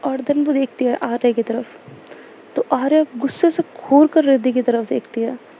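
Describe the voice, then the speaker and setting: A woman tells a story in a loose, rambling way, often correcting herself and leaning on fillers. Her voice is high and mellow. The recording is dull and lo-fi with a faint hiss. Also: moderate pace. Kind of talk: casual audio story narration.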